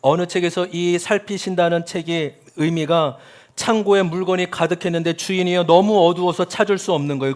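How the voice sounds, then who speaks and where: A man preaching a sermon as pastor, talking straight to the congregation with questions and calls to say amen, his voice swinging from loud cries to soft asides. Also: sits high.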